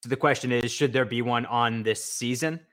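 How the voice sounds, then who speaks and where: A man's voice: medium pitch, normal speed. Teasing podcast co-host, man. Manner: teasing, lively banter. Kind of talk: casual sports talk.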